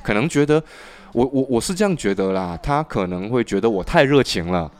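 A man hosting a podcast, telling a story in an animated, casual way with frequent restarts. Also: medium pitch, a little fast. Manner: animated, laughs and restarts often. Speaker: podcast host.

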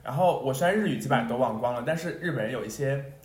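A young man co-hosting a podcast, chatting casually and telling an animated story with frequent laughs. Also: medium pitch, fast. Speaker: podcast co-host. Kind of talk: casual chat. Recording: roomy echo.

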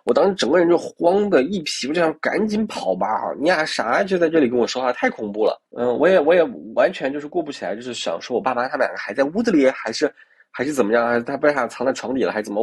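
A man's voice: mid-range voice, lively intonation, very fast, breathy edge. A male podcast host telling stories in a casual monologue, often turning to the listener with asides. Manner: talks to the listener directly, with many asides; restarts and fillers while recounting.

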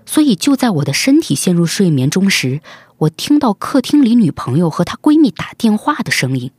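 A man narrating a first-person story in an expressive, suspenseful, dramatic manner. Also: high voice, brisk, breathy edge, no echo, soft background music.

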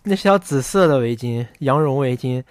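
A man's voice: medium pitch, animated, moderate pace, a little mellow, no room sound, clean studio sound. A young man in his twenties co-hosting a casual podcast, rambling through stories and joking along the way. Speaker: podcast co-host. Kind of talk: casual chat.

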